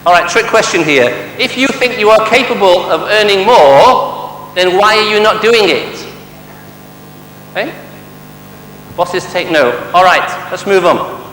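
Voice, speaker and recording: A man from Manchester, England, talking in a Mancunian accent, leads a motivational sales seminar in a big hall with a live crowd, teasing them with rhetorical questions and jokes. His high, fairly bright voice is expressive and a little slow, with frequent pauses, and the hall's echo brings long reverb and a faint hum.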